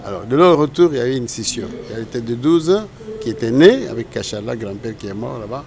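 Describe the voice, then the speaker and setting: Older gravelly Congolese man reminiscing. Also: mid-range voice, very animated, quick pace, a crowd in the background. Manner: rambling, self-correcting storyteller. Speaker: interviewed guest. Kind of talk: casual interview recollection.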